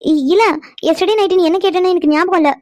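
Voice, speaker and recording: A sulky, easily upset young woman in a cartoon story, voiced by a woman, who stammers and protests when cornered. Her voice is very high and she talks quickly. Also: fairly even intonation, a little mellow. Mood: flustered. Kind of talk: cartoon voice acting.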